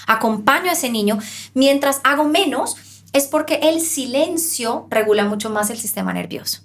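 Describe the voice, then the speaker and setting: A woman with a fairly high voice explains parenting ideas on a podcast. She talks in an animated way and slips into little acted voices of parents and children to make her points. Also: moderate pace. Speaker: parenting expert guest.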